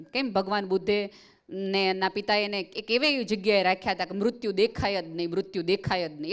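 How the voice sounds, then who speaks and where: Woman giving a parenting seminar, earnest storytelling, middle pitch. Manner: earnest storytelling, acts out quoted voices. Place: school seminar hall.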